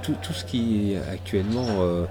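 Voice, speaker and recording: Over music and a noisy crowd, a middle-aged man from southwest France talks at normal speed in a fairly low voice. As an interview guest, he rambles hesitantly, restarting often and leaning on fillers.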